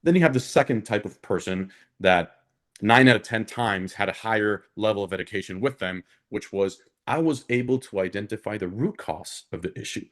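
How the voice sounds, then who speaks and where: Lower-voiced man. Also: normal speed. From Honduras. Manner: earnest, often checks in with the listener. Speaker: alumnus guest speaker. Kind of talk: conversational career talk on a panel.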